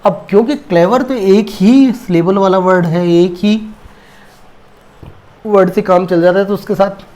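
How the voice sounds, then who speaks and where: A man teaching English grammar in a classroom-style lesson, slowly dictating word forms. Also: high voice, mellow.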